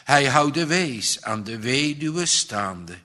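A man's voice: mid-range voice, lively intonation, takes it slowly, sharp tone. A man doing a solemn devout old woman.

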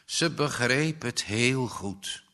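A man reading a story aloud as narrator, in slow, measured storytelling. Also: medium pitch, lively intonation, pushed and bright. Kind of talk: audiobook reading.

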